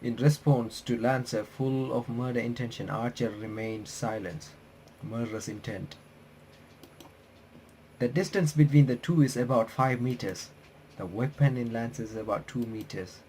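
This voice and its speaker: A man's voice: mid-range voice, dark tone, slight background noise, rough recording. A man reading visual novel text aloud as a playthrough host, with casual asides, often stumbling and restarting his sentences. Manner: halting, stumbles over words and restarts.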